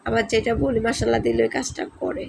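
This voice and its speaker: A young mother with a hoarse voice from a cold, chatting casually to viewers at home and coaxing her small children. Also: a little high, little pitch movement, fast talker, a little mellow, a little hiss or hum. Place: home indoors.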